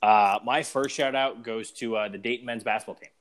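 A young man co-hosting a casual podcast, with a middle-pitched voice. He tells things with animated swings in tone. He laughs often and sometimes trails off mid-thought. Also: fairly quick, a little hiss or hum. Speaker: podcast co-host.

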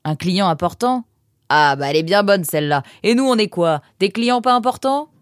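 Une femme qui prête sa voix à un renard mâle effronté, sans gêne et autoritaire, au ton fort et moqueur. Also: female voice, mid-range voice, lively intonation, normal speed, no echo, clean studio sound, pitched above the performer's own voice, close to an everyday voice. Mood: mocking. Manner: loud, blunt, mocking. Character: male fox, brash, tactless, bossy.

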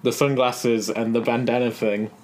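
A man's voice: medium pitch, flat delivery, moderate pace, slight background noise. A young man, co-hosting a podcast in casual, joking chat and laughing often. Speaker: podcast co-host.

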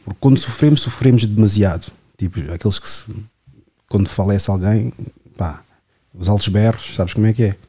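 A man, hosting a podcast in relaxed, chatty conversation and asking questions. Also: fairly low pitch, fairly quick, breathy edge. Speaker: podcast host. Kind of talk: casual podcast chat.

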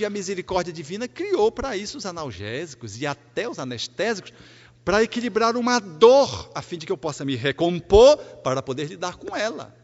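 A man lectures with emphasis, repeating his phrases for effect. His high voice swings widely in pitch. The recording has a long hall reverb and a dull, lo-fi sound. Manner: emphatic and repetitive, with acted quotes. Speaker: Spiritist lecturer. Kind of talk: public lecture.

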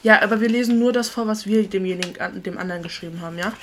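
A woman in her twenties co-hosting a podcast in casual chat, playful and teasing, quick to laugh. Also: mid-range voice, slight background noise. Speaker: podcast co-host.

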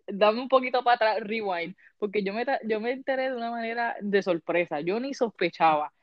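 A woman's voice: a little high, fairly quick, dry recording, muffled recording. A woman telling a personal story in casual chat, mixing in English words. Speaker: podcast co-host.

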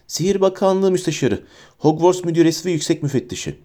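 Male reader doing a shrill, high, self-important middle-aged woman bureaucrat, bossy under the fear. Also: steady tone, fast, mellow, lightly acted. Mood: haughty. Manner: haughty, frightened and bossy.

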